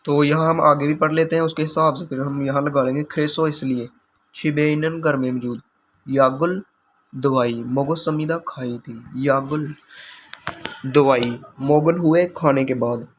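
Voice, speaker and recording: A man's voice: fairly high pitch, fairly even intonation, unhurried, slight background noise. A man teaching language exam questions, explaining answers patiently step by step.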